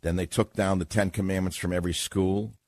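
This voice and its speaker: A man hosting a talk radio show, giving a sarcastic, indignant monologue that swings from muttering to loud outbursts in a studio. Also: deep voice, fairly even intonation, a little fast, no room sound. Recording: dry studio mic.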